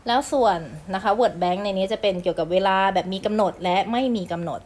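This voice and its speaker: A woman teacher from Thailand talks through a lesson in a friendly, chatty way. She slows down to read example phrases one word at a time and fills the gaps with polite endings and casual asides. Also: medium pitch, darkish tone. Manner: explains in Thai, reads English phrases slowly and clearly. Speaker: English teacher. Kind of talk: recorded lesson explanation.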